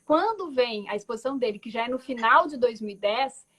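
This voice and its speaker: A woman's voice, a little high, expressive, slightly fast and a bit bright, tells a reflective story over a video call, where she appears as a guest artist. She is in her forties, from Belo Horizonte, Brazil, with a Minas Gerais accent, and she often uses tag words and restarts.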